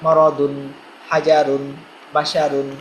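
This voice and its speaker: Patient man drilling syllables slowly. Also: on the high side, completely flat delivery, slight background noise, low-quality recording. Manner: slow, patient, repeats syllables for learners to follow. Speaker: Quran reading teacher. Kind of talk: spelling drill lesson.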